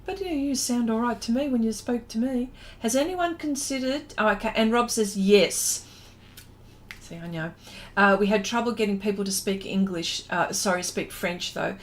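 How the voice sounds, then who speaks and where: A little high in pitch and lively in intonation, her voice moves at a moderate pace. She's a middle-aged Australian artist hosting a livestream, casually reading out and answering viewer comments as she rambles and trails off.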